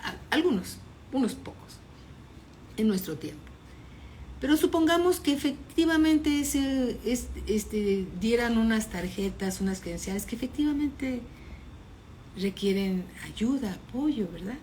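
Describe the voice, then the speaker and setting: Woman pastor, high-pitched, fervent sermon delivery, faint noise behind. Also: lively intonation, unhurried. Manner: fervent, dramatic retelling with sudden loud peaks.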